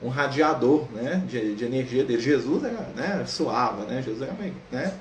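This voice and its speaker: A man's voice: mid-range voice, expressive, moderate pace. A man leading a spiritist study session, telling a saint's story in casual lecture style, tagging lines with "né?" and acting out the dialogue. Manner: storytelling, frequent "né?" tags, acts out dialogue. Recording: echoey room with faint background noise.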